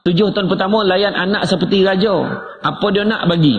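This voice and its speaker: A man's voice: high-pitched, a little fast, dull audio. A male preacher giving a humorous sermon, joking with the audience and acting out dialogue. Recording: echoey room, faint noise.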